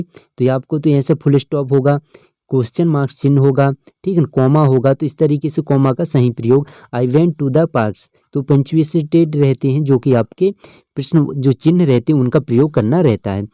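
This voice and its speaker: A man's voice: medium pitch, normal speed, mellow, no room sound, clean studio sound. A male teacher, explaining an English grammar lesson step by step and often checking in with his students. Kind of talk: exam-prep lesson.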